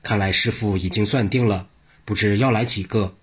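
A man's voice: fairly low pitch, fairly even intonation, moderate pace, husky. A man doing an anxious, deferential official. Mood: worried. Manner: deferential, worried. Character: anxious male court official.

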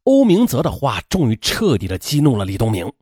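A man narrating a dramatic true-crime story in an expressive way, with emphatic asides. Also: medium pitch, brisk, husky, no room sound, studio quality.

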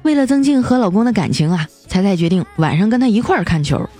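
A woman's voice: medium pitch, lively intonation, quick pace, mellow, faint music behind. A young woman hosting a comedy show, telling scripted jokes with playful punchline timing. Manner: playful, punchline-driven delivery. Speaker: comedy podcast host. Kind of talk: scripted comic storytelling.

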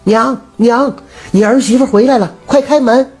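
A man doing a sharp-tongued young village woman. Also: high-pitched, very animated, normal speed, breathy edge, soft background music, voice pushed up, full character voice. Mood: urgent. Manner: raised pleading and scolding tones.

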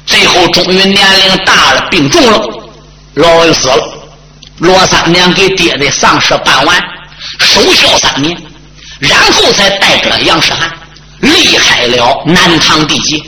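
A man performing a traditional Chinese story in a dramatic, swooping manner with sudden shouts. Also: fairly high pitch, expressive, measured pace. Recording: roomy, loud background noise.

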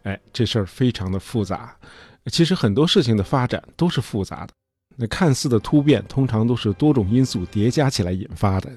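Male history host, mid pitch, slightly husky, relaxed storytelling with frequent fillers. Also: fairly quick. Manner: chatty, many fillers like "呃" and "哎".

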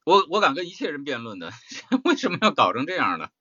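Male voice-acting teacher lecturing a workshop: blunt, emphatic, rhetorical, swinging pitch, dry dull lo-fi sound. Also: huge pitch swings, fast talker, pushed and bright, slightly rough, no room sound.

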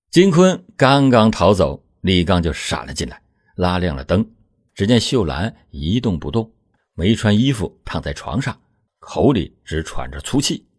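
A man's voice: sits low, slightly rough. A man telling a true-crime story in a dramatic, vivid way.

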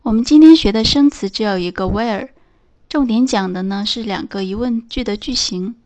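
A woman teaching English in a scripted lesson, reading out example phrases slowly and clearly. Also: mid-range voice, darkish tone.

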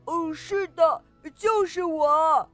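Grateful little train engine, put on by a woman narrator, high, hesitant and humble. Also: slow, a little mellow, dry recording, faint music behind. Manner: hesitant, starting lines with "uh".

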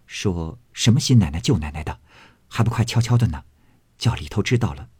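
A man voicing a gentle, loyal young maidservant who reports quietly and carefully. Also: deep voice, lively intonation, a little fast, breathy edge, no room sound, full character voice.

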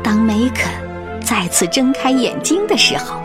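A woman narrator presenting a children's fairy tale in expressive, scripted storytelling. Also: fairly high pitch, measured pace, over loud music.

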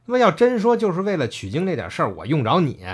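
A man co-hosting a casual chat, retelling scenes with animated acted-out quotes. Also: on the high side, quick pace, slightly rough. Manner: animated storyteller, acts out quoted lines. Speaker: podcast co-host. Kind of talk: casual chat about a classic novel.

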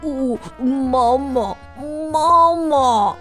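A woman's voice: high-pitched, expressive, extremely slow, a bit bright, soft background music, full character voice. A woman voicing a greedy, whiny young male wolf cub in a children's storybook, drawing out his calls and bursting into tantrums. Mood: sly coaxing. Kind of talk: storybook read-aloud.

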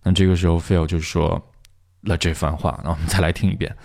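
A man's voice: low voice, level tone, fairly quick, gravelly, a little mellow. A man teaching English in a casual online lesson, chatty and self-correcting with many fillers.

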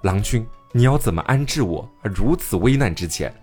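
A man's voice: on the low side, lively intonation, moderate pace, darkish tone, soft background music. A man voicing a young princess who pleads and weeps in a retold folk tale. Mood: tearful. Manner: plaintive, pleading. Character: weeping young woman, bee princess, pleading.

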